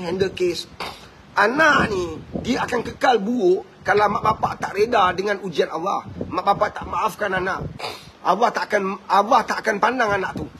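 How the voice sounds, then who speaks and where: A middle-aged man with a Malaysian Malay accent giving an impassioned religious talk on family, acting out prayers and rising to shouts. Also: high voice, background noise. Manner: impassioned preaching, acts out prayers, rises to shouts. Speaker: family motivational speaker.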